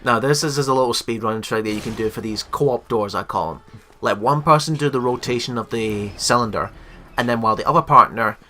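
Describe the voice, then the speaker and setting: A man's voice: mid-range voice, a little fast, bright, forceful tone, a little hiss or hum. A man casually commentating a co-op game, joking and explaining tricks to viewers. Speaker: co-host of a gaming channel. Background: game music.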